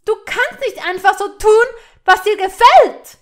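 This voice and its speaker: A woman playing a young woman shouting in fury. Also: very slow. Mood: furious. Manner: shouting, high and strained. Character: young woman, furious, shrill and indignant.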